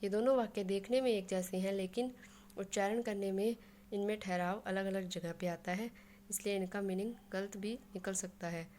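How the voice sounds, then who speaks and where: A woman's voice: medium pitch, moderate pace, slight background noise. Woman teaching Hindi grammar. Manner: steady explanatory delivery, mixing English words into Hindi. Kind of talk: explaining a grammar lesson.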